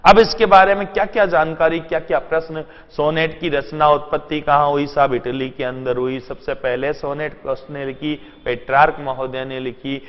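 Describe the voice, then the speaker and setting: A male teacher gives an exam-prep lesson, firing rhetorical questions at his class and answering them himself. He slips English terms and whole sentences in among his words. The sound is muffled and lo-fi, with a long reverb trailing off the walls. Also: medium pitch.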